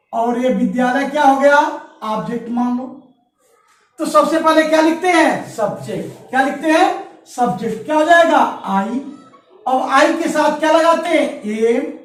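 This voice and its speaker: A male teacher with a very high voice gives a grammar lesson at a measured pace, posing questions and answering them himself and dictating example sentences word by word. The room is echoey and he sounds far off.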